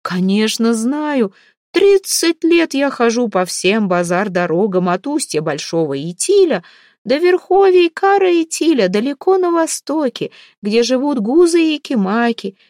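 A woman's voice: a little high, big pitch swings, a little mellow, dry recording, studio quality, pitched above the performer's own voice. Woman voicing a wailing frightened merchant. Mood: eager persuading. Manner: wailing, begging, drawn-out pleading. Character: panicked foreign merchant man, middle-aged, pleading.

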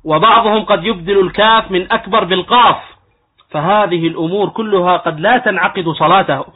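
A man with a high, husky voice gives a religious lecture on law. He explains each point step by step and sometimes acts out mistaken pronunciations. The sound is thin and tinny, like a phone line. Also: brisk. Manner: explanatory, demonstrates wrong pronunciations. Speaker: Islamic scholar teaching jurisprudence.

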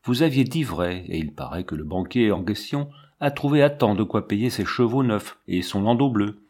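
A man voicing a chattering worldly gentleman with an affected falsetto tone, in a novel read aloud. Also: lively intonation, moderate pace. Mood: gossiping.

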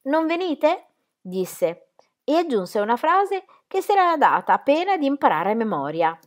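Calm woman reading a novel aloud. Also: on the high side, moderate pace. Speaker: reader of a novel. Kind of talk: literary audiobook narration.

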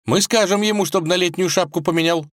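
A man's voice: brisk, a bit bright, no echo, studio quality. Man doing a tearful young tsarevna. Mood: flustered. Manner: high, sniffling, pleading.

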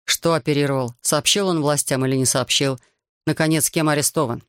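Audiobook figure: cool, probing, stern gentleman, voiced by a male reader, gravelly voice. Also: on the high side, steady tone, a little fast, dry recording, studio quality. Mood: stern measured. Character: stern influential man, composed and coolly questioning.

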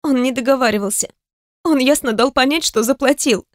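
A woman's voice: high-pitched, fairly quick, dry recording, clean studio sound, voice pushed up, lightly acted. Woman reader playing a young sister, fed up and firm, clipped hissing delivery, audiobook. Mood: shocked. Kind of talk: audiobook character voice.

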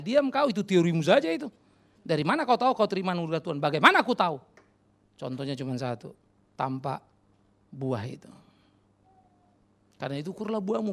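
A man's voice: a little high, creaky. A middle-aged male pastor preaching a fiery sermon in church, scolding and addressing the congregation directly.

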